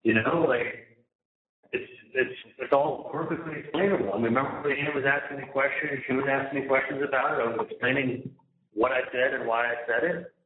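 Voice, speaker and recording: A man's voice: mid-range voice, fairly even intonation, a little fast. A man on a prison phone, talking to his mother in an agitated, indignant way, repeating himself and swearing. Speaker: inmate calling his mother. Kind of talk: phone conversation. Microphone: prison phone handset. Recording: tinny echoey prison phone line.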